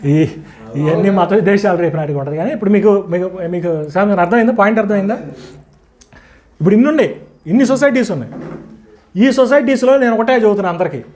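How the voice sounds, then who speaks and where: High-voiced man quizzing a class. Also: a little mellow. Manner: quizzes listeners with rhetorical questions. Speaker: teacher addressing a group. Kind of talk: interactive teaching talk.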